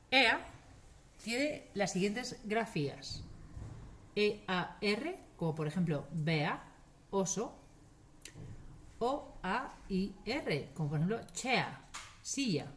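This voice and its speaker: A woman teaching pronunciation, speaking slowly and stretching out each example word so learners can repeat it. Her pitch swings widely, rising and falling through every sentence. She delivers the lesson straight to camera. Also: a little hiss or hum. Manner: slow, drawn-out model pronunciations, repeating words for learners. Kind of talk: classroom-style lesson to camera.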